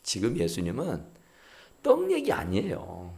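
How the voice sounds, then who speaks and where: A man preaching a sermon as pastor, acting out dialogue and swinging from shouting to near whispers. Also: on the low side, huge pitch swings, measured pace, gravelly.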